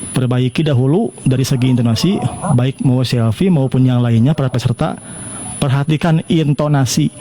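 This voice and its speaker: A man's voice: mid-range voice, warm tone, low-quality recording. Blunt man judging singers. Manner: blunt, repeats his points for emphasis. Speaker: vocal judge. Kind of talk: critique in an online singing contest.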